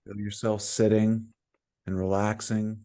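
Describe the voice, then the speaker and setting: A man whose voice is on the low side leads the meditation, teacher-style. He speaks soothingly and calmly, with frequent breaks.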